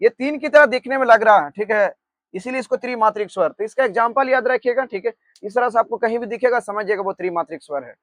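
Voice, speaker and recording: A high-pitched male teacher from Bihar explains grammar in a patient classroom manner. He repeats a quick check-in after nearly every line and slows to dictate notes word by word. The sound is dry and close, with no room echo. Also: a bit bright. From Bihar, India.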